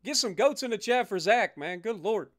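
Male game streamer, higher register, off-the-cuff chat and commentary, profane, exasperated griper. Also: expressive, normal speed, fairly bright tone. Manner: sweary, exasperated griping. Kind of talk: casual live gaming commentary with chat.

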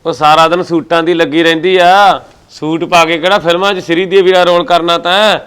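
An actor playing a complaining bachelor uncle in a Punjabi village family drama, speaking with a Punjabi accent. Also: male voice, a little high, level tone, brisk, a bit bright, slight background noise, close to an everyday voice. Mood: quarrelsome. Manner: complaining, self-pitying.

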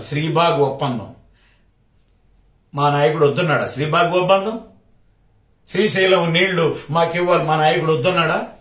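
Sarcastic Rayalaseema-accented man, roomy and distant. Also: fairly high pitch. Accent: Rayalaseema Telugu. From Kadapa district, Rayalaseema, India. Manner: sarcastic, confrontational, rapid rhetorical questions. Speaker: party supporter. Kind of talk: political rant to a minister.

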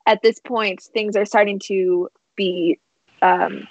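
A woman narrating a tabletop role-playing game as game master, in a relaxed, rambling way with many fillers. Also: mid-range voice, slow, dry recording, highs cut off.

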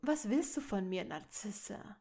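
A woman voicing a cold, haughty older male aristocrat in a fan fiction audiobook, loud and sneering. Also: mid-range voice, animated, a little slow, slightly rough. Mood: curt.

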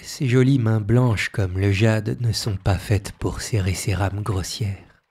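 A man voicing an imperious young emperor in an audio story reading, speaking slowly and commandingly. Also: fairly low pitch, darkish tone, breathy edge, full character voice.

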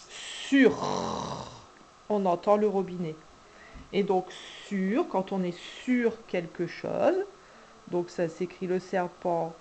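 A woman kindergarten teacher slowly explaining a phonics lesson to parents, stretching out syllables as she says them. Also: on the low side, dark tone, a little hiss or hum. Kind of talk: instructional video for parents.

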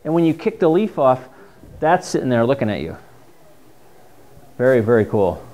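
In a dim classroom lit by a projector screen, a middle-aged New England man who instructs mushroom foraging chats enthusiastically through his slides. His mid-range voice is very animated at a normal speed, and the audio from the far-off camera sounds dull.

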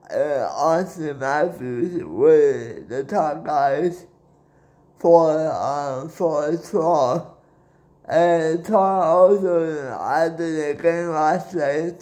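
A young man hosting his own sports channel, giving a solo postgame reaction recap from a small indoor room into a close phone camera. He talks in a halting, hesitant way, stalling and repeating words as he goes. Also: fairly high pitch, dark tone. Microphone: phone camera close up from below.

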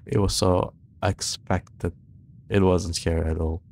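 Deep, creaky-voiced nervous horror game streamer, man. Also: level tone, slow pace, darkish tone, slight background noise. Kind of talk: casual playthrough commentary. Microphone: close microphone on boom arm, headset worn.

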